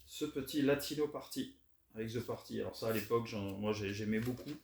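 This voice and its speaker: A man chatting casually as he shows off his record finds, relaxed and hesitant with many fillers. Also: fairly low pitch, a little fast, creaky. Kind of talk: casual unboxing chat. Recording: roomy echo, faint noise.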